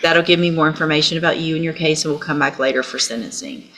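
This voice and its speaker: A woman judge with an American accent and a low-pitched voice presides in a courtroom. She speaks in a formal, procedural way, explaining each step. The recording is clearly noisy, with clicks. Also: fast talker, a bit bright.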